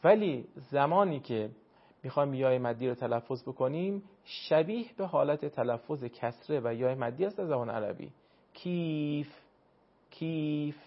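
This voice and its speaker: A man's voice: medium pitch, animated, vocal fry, breathy edge. Guy teaching quran pronunciation on a tv show, polite formal explainer, kinda muffled sound. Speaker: Quran teacher and program host. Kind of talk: televised recitation lesson.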